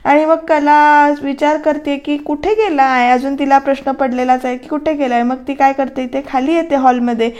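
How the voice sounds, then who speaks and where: A woman with a high voice narrates a TV serial recap over a voice-over mic. She is chatty and easygoing, and she keeps turning to talk straight to her viewers. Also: fairly even intonation, moderate pace, hardly any pauses, darkish tone. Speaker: TV serial reviewer.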